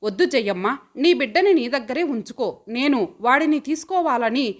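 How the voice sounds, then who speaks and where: A gentle, generous childless woman from an audio storybook, read by a woman. She speaks softly and reassuringly, in a slightly high voice. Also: lively intonation, normal speed. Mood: gentle reassurance.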